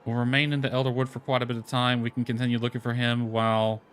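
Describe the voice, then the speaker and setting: This gamer talks fast in a mid-range, slightly bright voice with little pitch movement, reading dialogue aloud from his playthrough and dropping casual asides. Lo-fi music plays in the background, and there's a bit of hiss or hum.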